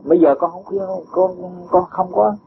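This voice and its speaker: A man's voice: high-pitched, moderate pace, gravelly. A man giving a patient Buddhist dharma talk, explaining with homely examples and chuckling often. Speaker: Buddhist teacher. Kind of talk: dharma talk answering a disciple. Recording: dull lo-fi recording with faint hiss.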